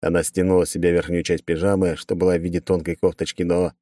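A man reading a first-person audiobook in a brisk, wry storytelling manner on a close mic. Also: deep voice, level tone, dark tone, no room sound. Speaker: audiobook narrator.

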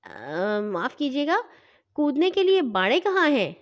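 A woman's voice: high-pitched, very animated, lo-fi sound. A woman voicing a fussy young girl rider who grumbles, panics and cries out in a storybook. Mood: polite. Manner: complaining, then crying out in pain.

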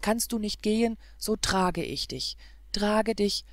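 Brave young hero from a fairy-tale audiobook, voiced by a woman, fervent and urging, slow and measured, dry close sound. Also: medium pitch, animated, no room sound.

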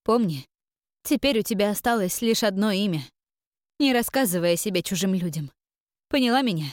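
A woman voicing a tender mother who gently and firmly comforts her frightened daughter. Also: medium pitch, animated, a little fast, no room sound, clean studio sound, close to an everyday voice. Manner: soft, soothing, quietly firm.

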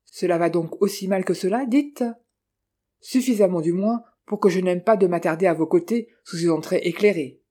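A reader voicing a short, gruff older count who is brusque and scheming. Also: medium pitch, normal speed, dark tone, natural voice. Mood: wry warning.

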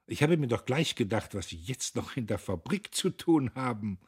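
A man voicing a snobbish, teasing young woman, husky and condescending. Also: mid-range voice, animated, normal speed, a little mellow, pitched above the performer's own voice. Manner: condescending, sly.

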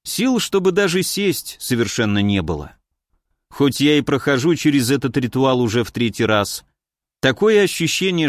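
A man narrating a fantasy audiobook in a steady, even storytelling manner. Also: mid-range voice, no echo, clean studio sound.

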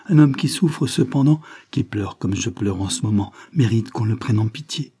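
A man's voice: lowish voice, lively intonation, moderate pace, mellow, slightly rough, dry recording, studio quality. A man reading aloud, voicing a desperate lovesick man who pleads passionately and tearfully.

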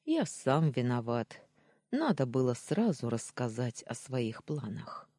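A reader voicing a gentle, embarrassed married man who reassures and calms. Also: mid-range voice, slow pace, dry recording, studio quality. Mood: soothing. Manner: soft, reassuring.

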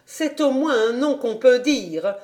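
A woman voicing a stern, prim middle-aged governess who asks sharp, indignant questions in a storybook reading. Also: high-pitched, lively intonation, takes it slowly, pitched above the performer's own voice.

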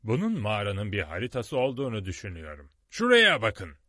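A man voicing a scornful, sharp-tongued older scientist in an audiobook. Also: on the low side, big pitch swings, a little fast, no room sound, studio quality. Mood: thoughtful. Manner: sharp, scolding.

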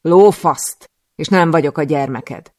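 A man's voice: on the high side, fairly even intonation, vocal fry, no room sound, clean studio sound. Man voicing a furious vengeful woman assassin. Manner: shouting, raw anger.

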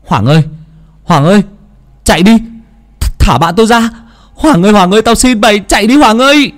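A man voicing a desperate young boy in a told ghost story, shouting and stammering. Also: high-pitched, lively intonation, fairly quick, pitched above the performer's own voice. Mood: screaming.

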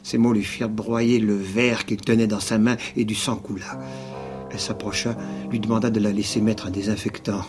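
A man reading a novel on the radio. His narration keeps sinking into a low whisper. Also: flat delivery, moderate pace, a little mellow. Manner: narration dropping often to a low whisper, jealous outbursts in dialogue. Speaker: actor reading a novel aloud. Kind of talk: dramatized literary reading on radio. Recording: archival radio broadcast with music behind.

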